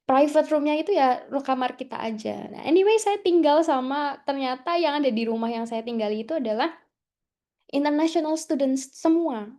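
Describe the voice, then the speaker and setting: A woman's voice: sits high, expressive, moderate pace, dark tone. A young adult woman from Indonesia, chatting as a guest speaker at an English class, with many fillers and English words mixed in. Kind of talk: storytelling talk to students.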